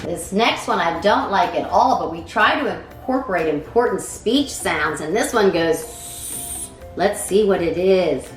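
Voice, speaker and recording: A woman teaching an early childhood play lesson, talking to toddlers in a coaxing sing-song and explaining things to parents in quick asides. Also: fairly low pitch, animated, echoey room, soft background music. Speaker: early childhood class instructor.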